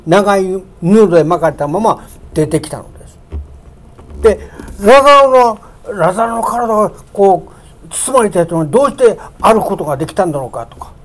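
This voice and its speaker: A pastor preaching a sermon, building to emphatic raised peaks on key words and slowing down to read scripture aloud, in a church sanctuary. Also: mid-range voice, a little mellow.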